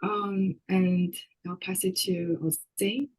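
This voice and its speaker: A woman from China, a graduate student speaking in a measured, careful way on a panel. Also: mid-range voice, level tone, rough recording. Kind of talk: casual panel introduction.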